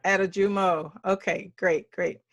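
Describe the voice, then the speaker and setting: A woman's voice: fairly low pitch, fairly even intonation, a little slow, gravelly, dry recording. A woman hosting an interview show, welcoming her guest with upbeat enthusiasm.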